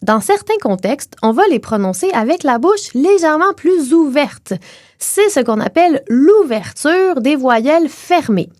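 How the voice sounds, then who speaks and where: Young Québécois woman, podcast co-host explaining phonetics. Animated, higher voice, teacherly and clear, dry close mic. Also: no room sound. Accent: Québécois French. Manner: clear teacherly delivery, slows to model sounds.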